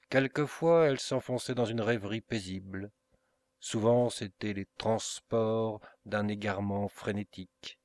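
A man voicing a brooding, proud middle-aged Italian nobleman, speaking in a grave, measured way for an audiobook. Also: fairly low pitch, no room sound.

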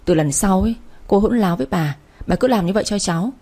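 A woman's voice: medium pitch, animated, fast talker, dark tone. A woman voicing a defiant, hot-tempered teenage granddaughter who talks back sharply.

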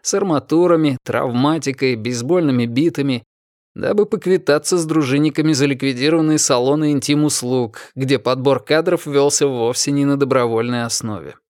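A man narrates an audiobook from a script, keeping a steady, even storytelling manner. His voice is mid-range and his pace moderate, captured in studio quality with no room sound.

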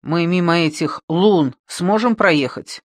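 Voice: mid-range voice, slow, no echo, studio quality. Reader as a bossy gang leader, short and commanding, audiobook. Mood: questioning. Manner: curt, commanding. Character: tough gang leader, curt and impatient.

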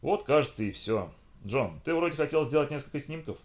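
A man voicing a calm, curt male detective who speaks dryly. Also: a little high, a little fast, voice pushed up.

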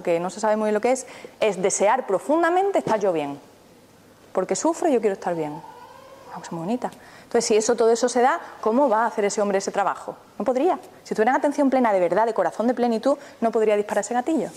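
A woman's voice: medium pitch, darkish tone. A woman, a therapist giving a live mindfulness talk, who keeps turning to the audience with questions. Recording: reverberant hall, faint background noise.

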